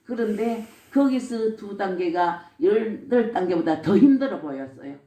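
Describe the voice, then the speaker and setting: Korean deaconess with a Gyeongsang accent, echoey and distant. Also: female voice, mid-range voice, lively intonation, measured pace, dark tone. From Gyeongsang region, Korea. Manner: asks herself questions and answers them, laughing often. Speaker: church deaconess giving testimony. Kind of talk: spoken testimony. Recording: echoey room, speaker far from mic.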